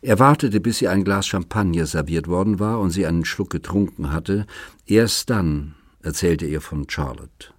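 A man narrates an audiobook in a calm, measured way. His voice is deep and husky. The sound is dry and close, with no room. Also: no room sound. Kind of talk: audiobook reading.

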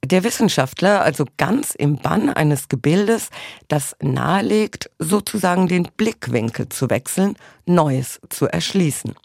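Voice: mid-range voice, animated, unhurried, a little mellow, dry recording. A radio presenter reading scripted links and putting questions to a studio guest. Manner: smooth scripted links, then asks questions. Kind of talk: radio magazine presenting and interviewing.

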